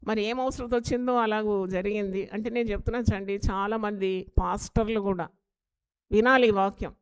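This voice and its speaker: A woman's voice: medium pitch, fairly even intonation, moderate pace, clean tone. A woman pastor preaching an earnest sermon, asking rhetorical questions and exhorting her listeners.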